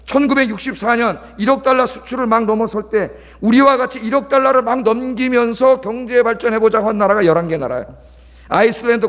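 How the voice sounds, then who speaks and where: A man's voice: very high voice, fairly bright tone. A middle-aged male pastor preaching a sermon, talkative and scolding, often checking in with the congregation. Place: large church sanctuary. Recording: long church hall reverb.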